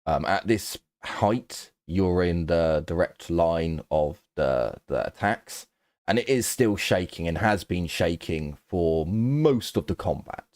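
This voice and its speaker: Deep-voiced man narrating as game master. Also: a little mellow, no room sound, studio quality. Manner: unhurried narration full of um fillers. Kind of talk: narrating a tabletop game session.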